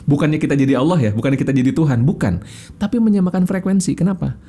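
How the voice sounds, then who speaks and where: A man as a podcast guest, a communication coach who explains in an animated way and acts out little examples. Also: on the high side, quick pace, slightly rough. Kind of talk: casual interview chat.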